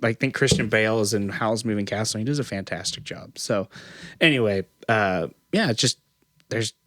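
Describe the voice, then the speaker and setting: With a fairly low, fairly bright voice at a moderate pace, this man co-hosts a podcast, chatting loosely and rambling with many fillers and restarts. The sound is clean studio audio without echo.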